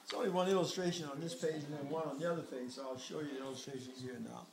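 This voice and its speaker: An older man reading aloud to children in an expressive, unhurried storytelling manner, with friendly asides to his listeners. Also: a little high, creaky, crowd noise. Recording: echoey room, distant mic, faint noise.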